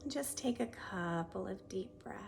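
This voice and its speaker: A woman yoga teacher guides a meditation in a soft, soothing, gently instructive voice that often trails off into a breathy near-whisper. She speaks at medium pitch, expressively and unhurriedly, over some background noise.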